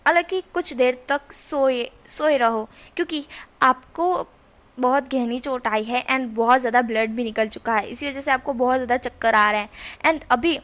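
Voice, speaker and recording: A woman's voice: high-pitched, normal speed, fairly bright tone. A woman voicing an easygoing, caring young man who talks in a chatty, coaxing way. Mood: reassuring.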